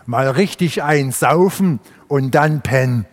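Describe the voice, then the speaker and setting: A blunt, carousing ox from a storybook fable talks low and plain, as a preacher reads him. The long church reverb hangs on each word. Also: male voice, takes it slowly. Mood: boozy. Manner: blunt, boozy. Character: carousing, sheepish ox.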